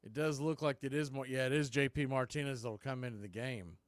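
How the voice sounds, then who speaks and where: Calling the game live for a room of fans, this man speaks fairly quickly at a medium pitch, with no echo. His play-by-play is loose and colloquial, and he's an unabashed homer for his team.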